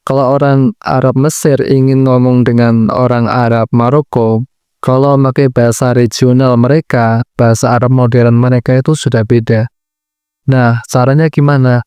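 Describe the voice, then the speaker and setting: Calm, measured man explaining a lesson. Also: mid-range voice, clear, resonant tone, no room sound, clean studio sound. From Central Java, Indonesia. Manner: explanatory, measured, speaks in short clauses. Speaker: Arabic language teacher. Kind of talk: educational lesson.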